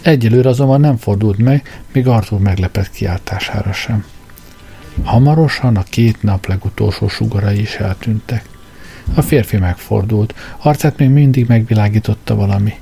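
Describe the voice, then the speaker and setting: Low gravelly male narrator. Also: dark tone. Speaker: audiobook narrator. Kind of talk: scripted narration. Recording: faint background music.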